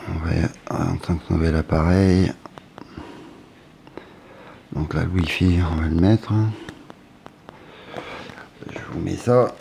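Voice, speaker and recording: A very deep-voiced man talks slowly through an unboxing, with a gravelly fry to his voice. He thinks aloud, pausing on fillers, over a faint background hiss. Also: fairly even intonation, mellow. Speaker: tech unboxing vlogger. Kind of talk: casual unboxing commentary.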